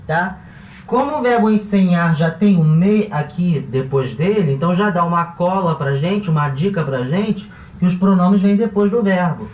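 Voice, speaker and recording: A man from Brazil teaching a grammar lesson, explaining each step slowly and checking in with his listeners as he goes. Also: high-pitched, recorded from a distance, a little hiss or hum. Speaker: language teacher. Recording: echoey room, voice off-mic.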